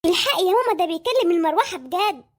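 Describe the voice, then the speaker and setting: A woman's voice: very high voice, big pitch swings, rapid-fire. A woman voicing a cheeky, boastful young boy in an Egyptian cartoon, with an Egyptian Arabic accent. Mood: worried. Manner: boastful, chatty. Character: cheeky clever young boy, mother's son.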